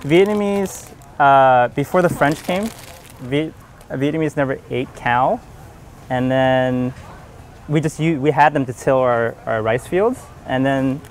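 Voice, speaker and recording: A young man and home cook talking casually about his cooking in a relaxed, rambling way, full of fillers. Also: medium pitch, a little slow, a little hiss or hum. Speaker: home cook hosting a dinner party. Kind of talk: casual documentary talk.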